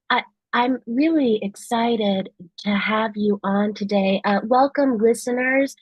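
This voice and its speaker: A woman's voice: medium pitch, breathy edge, dry recording, lo-fi sound. A woman improvising an eager, chatty host of a podcast for deli fans.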